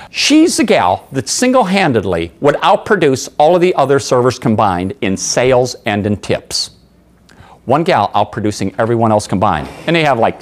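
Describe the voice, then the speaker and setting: A man training a room of workers, telling anecdotes with lively acted voices and quizzing the audience. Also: mid-range voice. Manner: animated storyteller, acts out voices, asks the audience. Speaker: sales trainer. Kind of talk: seminar talk with acted anecdotes.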